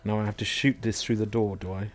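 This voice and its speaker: A man's voice: on the low side, flat delivery, fast. A man hosting a gaming show, giving casual, rambling gameplay commentary in a chatty, self-deprecating way.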